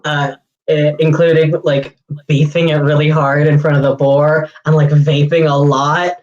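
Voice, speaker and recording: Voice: mid-range voice, flat delivery, a little slow, a little mellow, lo-fi sound. A player in a tabletop game, telling a rambling story and giggling. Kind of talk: casual chat.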